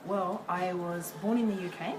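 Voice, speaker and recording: A woman's voice: on the low side, fairly even intonation, moderate pace, music in the background. Earnest, reflective woman in an echoey room. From South America. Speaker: relationship facilitator. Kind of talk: casual conversation. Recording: echoey room with loud ambient noise.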